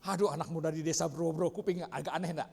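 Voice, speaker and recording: Give me a fairly high-voiced man teaching a church class in a reverberant hall. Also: fairly even intonation, very fast, creaky, breathy edge. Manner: quizzes the audience constantly.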